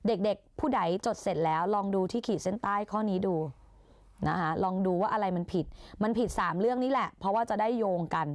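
A woman's voice: mid-range voice, brisk, no room sound, studio quality. Playful woman tutoring exam English. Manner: chatty and playful, calls herself big sister, coaxes students. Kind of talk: Thai exam-prep lesson.

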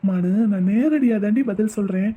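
A woman voicing a gentle, devoted young man who coaxes and comforts his wife in an amateur audio drama. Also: medium pitch, moderate pace, husky, narrow, tinny audio, close to an everyday voice. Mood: soothing. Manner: soothing, coaxing.

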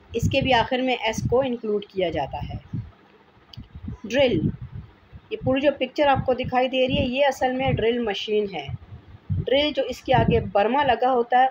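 A woman's voice: a little high, muffled recording. Patient woman teaching vocabulary, noisy recording. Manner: patient, repeating each word slowly. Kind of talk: vocabulary lesson.

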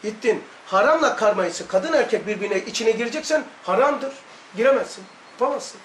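A man's voice: high voice, expressive, a little fast, reverberant, slight background noise. A man with a Laz Turkish accent, giving an emphatic religious lesson full of repetition and rhetorical questions. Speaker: religious study teacher.

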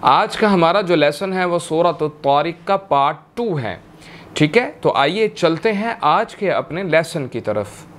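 A man teaching Quran tajweed in a recorded lesson, reciting verses slowly and drawn out, then explaining each letter and saying "theek hai" often. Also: fairly high pitch, animated, fairly bright tone, slight background noise.

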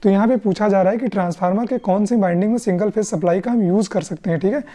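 Speaking quickly in a warm, medium-pitched voice, an Indian-accented electrician exam tutor walks through questions step by step. Her lesson follows a question-and-answer format, with frequent short tag questions to check understanding.

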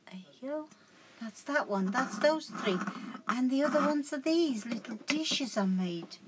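A woman's voice: high voice, lively intonation, a little slow, background noise. A woman casually showing her crafts at home, rambling and correcting herself as she goes. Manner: rambling, chatty, self-correcting. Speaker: craft vlogger. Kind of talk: casual show-and-tell chat.

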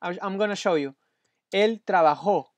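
A man's voice: high voice, moderate pace, no echo. A man tutoring Spanish one-on-one, patient and encouraging, praising often, with slightly non-native English phrasing. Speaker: Spanish teacher.

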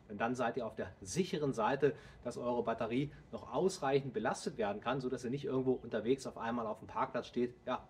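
A man in his thirties talks viewers through a car task in a steady, explanatory way, speaking directly to them. His voice sits at an ordinary middle pitch. He was recorded outdoors in a home driveway, with faint ambient noise behind him. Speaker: DIY car channel host. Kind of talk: casual how-to explanation.

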